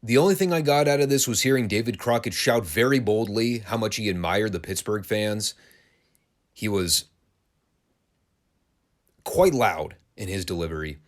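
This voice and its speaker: A man's voice: lowish voice, moderate pace, long pauses. A man hosting a wrestling podcast, giving a casual, sarcastic and crude play-by-play review of an old broadcast. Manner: sarcastic, crude, dry humor.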